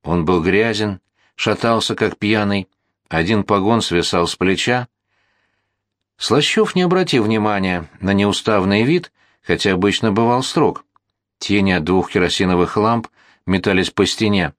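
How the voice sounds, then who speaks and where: A man narrating a historical novel as an audiobook, in a measured, steady storytelling manner. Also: on the low side, dry recording, studio quality.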